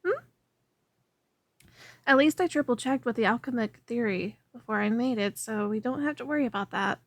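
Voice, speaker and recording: A woman speaks a little high at normal speed, animated, with no echo. In this scripted audio roleplay she's a young alchemist who chatters on as she works and then becomes clingy and obsessive, an ASMR performance.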